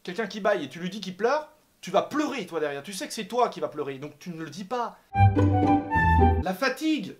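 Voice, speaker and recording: A young man doing a comic rant to camera, animated and exaggerated, swearing and laughing often. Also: high-pitched, a little fast, over loud music. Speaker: comedy vlogger. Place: apartment.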